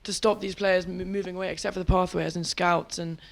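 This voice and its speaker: High, gravelly man asking a question. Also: level tone, fast, a little hiss or hum. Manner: polite, persistent questioning.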